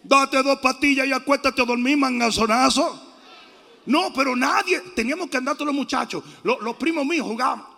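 A man preaching a loud, animated sermon as a bishop, often shouting and acting out voices. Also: very high voice, brisk, vocal fry. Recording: long reverb of a large hall.

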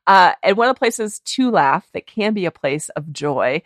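A woman hosts a podcast interview in an earnest, affirming way, often restarting her sentences as she gathers her thoughts. Her voice sits a little low, recorded close and dry. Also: expressive, moderate pace, no room sound. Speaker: podcast host.

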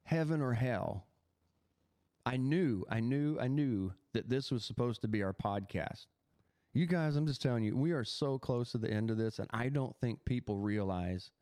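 A man's voice: medium pitch, moderate pace, dry recording, studio quality. Man telling a dramatic personal testimony. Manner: animated storytelling with many restarts. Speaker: podcast host.

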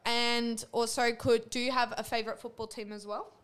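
A woman's voice: a little high, flat delivery, moderate pace, fairly bright tone, smooth. Upbeat woman hosting a podcast. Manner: encouraging, upbeat questioning with frequent laughs. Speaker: podcast host interviewing guests. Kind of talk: casual podcast interview.

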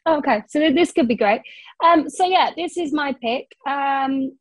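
A woman's voice: high voice, normal speed, dry recording, low-quality recording. A young woman co-hosting a racing tips podcast, chatty and full of ums, correcting herself as she goes. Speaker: racing tipster co-host. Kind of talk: casual podcast chat.

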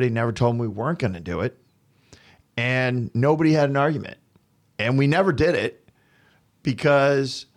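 A man in his fifties hosting a podcast, telling work stories from his flooring business in a blunt, animated way. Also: lowish voice. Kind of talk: casual storytelling podcast.

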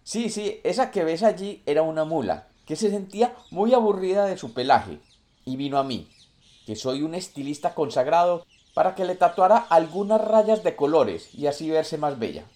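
A man voicing a sly, clever male monkey who talks quickly and eagerly in a storybook tale. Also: fairly high pitch, animated, warm tone, pitched above the performer's own voice, close to an everyday voice. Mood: boastful.

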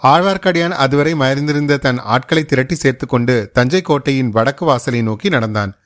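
A male storyteller reads a long historical novel aloud, measured and steady. His voice sits at an ordinary middle pitch, and the delivery is clear scripted narration for an audiobook podcast.

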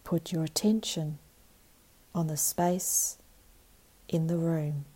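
A woman guiding a meditation in a calm, meditative tone, with a soft, breathy voice and long pauses. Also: deep voice. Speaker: meditation guide. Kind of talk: guided meditation narration.

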